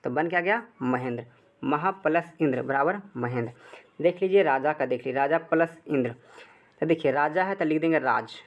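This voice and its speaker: A man's voice: a little high, moderate pace, lo-fi sound. Man teaching with Bihari Hindi accent. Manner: repetitive call-and-answer questioning. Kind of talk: blackboard grammar lesson.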